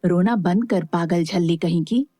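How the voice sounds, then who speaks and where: A woman voicing a gruff but tender young husband, speaking curtly in a lowered voice. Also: fairly even intonation, unhurried, warm tone, no echo, clean studio sound, natural voice. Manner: curt, lowered voice.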